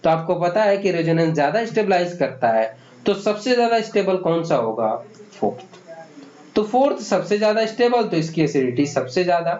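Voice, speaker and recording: Brief: high-pitched male chemistry tutor quizzing himself, dull lo-fi track. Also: very animated, brisk, a little mellow. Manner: asks questions and answers them himself, calls students "beta". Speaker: chemistry teacher. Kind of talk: exam-prep lecture. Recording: echoey room, dull lo-fi sound.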